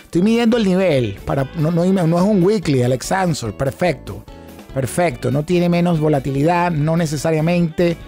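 A man's voice: on the high side, normal speed, dark tone, soft background music. A middle-aged man teaching a live online class in Spanish mixed with English terms, quizzing viewers and repeating phrases for emphasis. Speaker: instructor in options trading. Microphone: close studio microphone on a desk setup.

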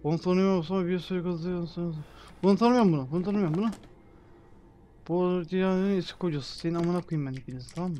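A young man streaming gameplay, swinging between loud, profane outbursts and low mutters, and talking to his chat. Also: fast talker, slight background noise. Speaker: gaming streamer. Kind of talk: live gameplay commentary.

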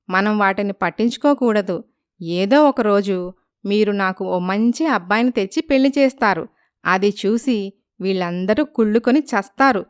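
A woman's voice: medium pitch, clean tone, natural voice. A woman voicing a poor, proud young village woman who speaks firmly and with dignity. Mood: resolute. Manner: firm, dignified.

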